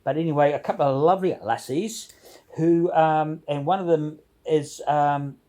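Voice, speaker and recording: A man's voice: a little high, moderate pace, dark tone. A man chatting casually and ramblingly to camera as a video blogger, with a jovial, informal, slangy way of talking.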